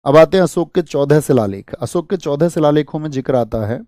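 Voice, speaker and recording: This is a male teacher from India delivering a fast exam-prep history lecture, firing questions at his students and then answering them himself. His voice is a little high, expressive and mellow. The sound is clean studio audio with no echo.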